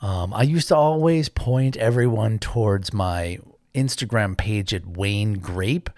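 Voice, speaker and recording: A man hosting a podcast, talking in a relaxed, chatty way with plenty of fillers. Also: on the low side, unhurried, dry recording, clean studio sound. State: morning voice. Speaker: podcast host. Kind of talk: casual podcast intro and interview.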